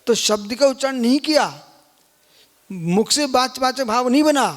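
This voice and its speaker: High-voiced man lecturing in a reverberant hall. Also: normal speed. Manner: questioning, prodding listeners to answer. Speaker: Jain monk teaching scripture. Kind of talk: live scripture lecture with questions to listeners.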